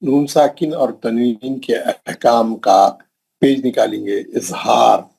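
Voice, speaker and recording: A man's voice: medium pitch, takes it slowly, creaky, dark tone, breathy edge, low-quality recording. A man teaching Quran recitation rules in a classroom lesson, patiently repeating each example and drilling the pronunciation. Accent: Hyderabadi. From India.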